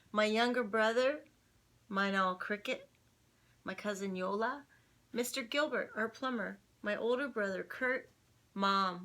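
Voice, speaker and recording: A woman reads a children's picture book aloud for kids at home, lively and chatty with little laughing asides. Her voice is bright and forward, sitting in a middle pitch. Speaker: singer reading a children's book online.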